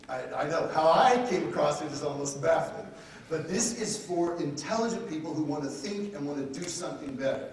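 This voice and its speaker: A man delivers a live seminar talk in a brash, joking, salesy way, his voice sitting a little high. He sounds distant from the mic, carried by a strongly echoing room. A faint hum of room ambience sits underneath. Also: darkish tone. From Texas. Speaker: speaker. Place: conference room with audience.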